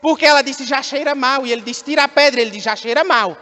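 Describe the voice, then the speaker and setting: A Brazilian man preaching a sermon as pastor, building to shouted, impassioned passages. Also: very high-pitched, fast talker, big-room sound. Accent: Brazilian Portuguese.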